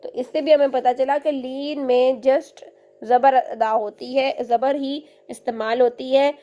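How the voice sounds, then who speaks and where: A woman's voice: high-pitched, fairly even intonation, slow, warm tone, dull audio. A woman teaching a recitation lesson step by step, patiently repeating each point and checking in often.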